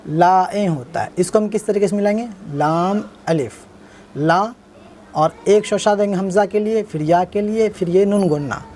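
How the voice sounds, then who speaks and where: A man's voice: sits high, moderate pace, a little mellow, a little hiss or hum. A man teaching how to write words, spelling them out letter by letter, repeating each word, and asking himself what it turns into. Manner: spells out letters one by one and asks himself "what does it become?"; patient, repetitive explaining. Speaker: Urdu writing teacher. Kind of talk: step-by-step writing lesson.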